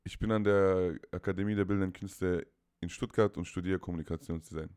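A young man in his twenties with a very low, deep voice talks casually as a podcast guest. He rambles, stacks up fillers and repeats words as he searches for what to say. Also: fairly even intonation, brisk, a little mellow, clean tone. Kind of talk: casual call-in chat.

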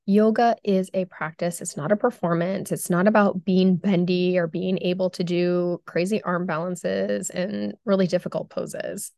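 A woman hosting her own podcast as a health coach, talking in a chatty, upbeat way with her voice still hoarse from losing it. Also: on the low side, fairly even intonation, moderate pace, hardly any pauses, a little mellow, no echo. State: hoarse, recovering from lost voice. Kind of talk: casual solo podcast talk.

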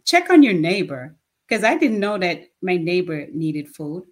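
A woman's voice: lowish voice, sing-song, a little slow. Emphatic woman in her fifties. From Jamaica. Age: 50s. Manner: plain-spoken, emphatic. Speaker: nonprofit founder, guest. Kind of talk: casual interview talk.

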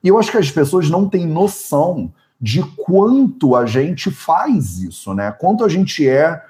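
Um homem apresentador e médico ayurvédico com sotaque brasileiro, conversando de forma animada numa entrevista e pensando em voz alta. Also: male voice, on the high side, a little slow. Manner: animated, thinks aloud with many "né?". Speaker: podcast host, Ayurvedic doctor. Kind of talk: conversational interview.

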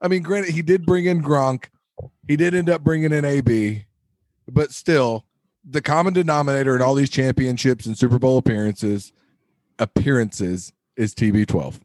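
A man's voice: mid-range voice, normal speed, a little mellow, dry recording, low-quality recording. A man in a casual sports chat, arguing his point step by step.

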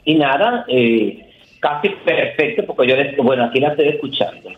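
A woman's voice: rumbling low, expressive, moderate pace, roomy sound, dull audio. A woman co-hosting a radio show, chatting casually about celebrity gossip and rambling with many fillers.

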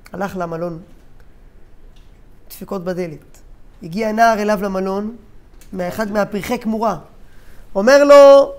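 Male Torah teacher, storytelling lesson, animated, hesitant fillers, loud character quotes, hushed solemn moments. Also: high voice.

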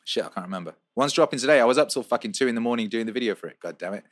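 Hosting a casual livestream, a man from the UK who grew up in Wales reads out viewer questions in a loose, profane, rambling manner, riffing and repeating himself. He speaks very fast with a mid-range voice and lively intonation, in studio-quality audio with no room sound.

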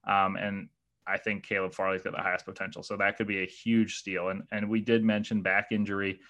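A guest analyst on a casual podcast, bothered by the hiccups, talks through football draft picks in a thoughtful, hesitant way with lots of fillers and restarts. His voice is fairly low and a bit bright, with little pitch movement, and he speaks a little fast.

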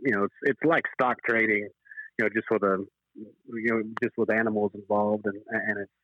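Speaking at a normal speed with a steady tone and a lowish voice, a man in his forties from Zimbabwe, who moved to California at eight, is interviewed about his horse racing work. The conversation is relaxed, and he comes across as earnest and reflective, speaking in stop-start phrases. The remote call is boxy, echoey and band-limited, with narrow, tinny audio.

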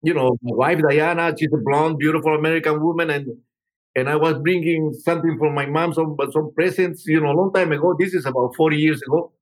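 Here the Peruvian musician, an older man and interview guest, sounds a little high and steady in tone while talking fairly quickly. The recording is rough, and his stories ramble with frequent restarts and "you know."

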